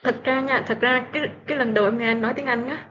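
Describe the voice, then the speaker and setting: A woman with a slightly high voice, chatting politely and warmly as a podcast guest. She teases lightly now and then. The recording is lo-fi and dull, with faint background noise. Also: steady tone, fast. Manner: polite, friendly, teasing. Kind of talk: casual chat.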